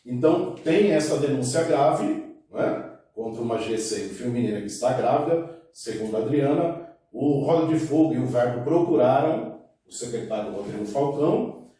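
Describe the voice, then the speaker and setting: A man's voice: medium pitch, lively intonation, normal speed, dark tone. A man giving spoken news commentary on a podcast panel, often tagging sentences with "né" and restarting phrases. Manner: frequent "né" tags and self-restarts. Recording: very echoey room, mic at a distance.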